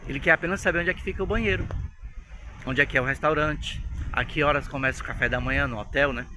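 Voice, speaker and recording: A Brazilian man with a Brazilian Portuguese accent, telling a story as an English teacher in a chatty, animated way. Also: on the high side, quick pace, faint music behind. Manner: chatty, animated, keeps asking "né?". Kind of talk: storytelling lesson to camera.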